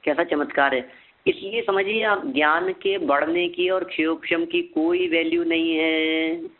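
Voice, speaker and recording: A man teaching a scripture lesson, asking and answering his own questions and repeating key terms slowly so they can be memorized. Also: on the high side, steady tone. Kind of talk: scripture lecture. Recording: phone-like narrow sound.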